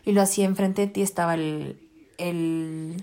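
A woman's voice: fairly low pitch, moderate pace. A young woman casually telling a story as a vlogger, chatty and slangy, slipping into English words. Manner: chatty, slips into English, slangy and animated in retelling.

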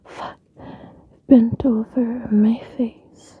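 A young adult woman in an intimate whispered recording at home, talking into a close mic with breathy whispers, soft laughs and sighs. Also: a little high, level tone, extremely slow, narrow, tinny audio. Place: room at home, on carpet. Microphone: close handheld mic.

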